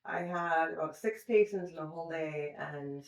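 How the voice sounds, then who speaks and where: A woman speaking as a recovery coach in a podcast interview, calm and unbothered. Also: low-pitched, normal speed. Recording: echoey room.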